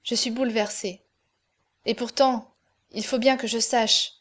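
Rich: A woman reads a tormented man torn between love and duty, his questions raw and pleading. The voice sits a little high, as she keeps close to her own reading voice in this audiobook. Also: fairly even intonation, unhurried, a bit bright.

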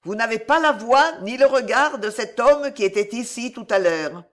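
An audiobook reader voicing a mad old bohemian woman who cries out in shrill, raving tones. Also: lively intonation, normal speed, fairly bright tone, lightly acted. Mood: haunted, musing. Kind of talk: audiobook character voice.

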